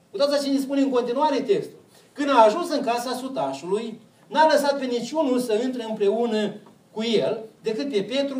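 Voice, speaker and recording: A man's voice: high voice, darkish tone, roomy sound, recorded from a distance, low-quality recording. A man preaching a sermon, putting questions to the congregation and answering them himself.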